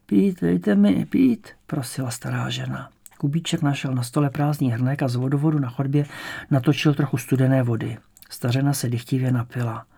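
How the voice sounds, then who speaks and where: A man calmly narrating a crime novel as an audiobook reader. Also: medium pitch, creaky, slightly rough. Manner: calm, measured storytelling.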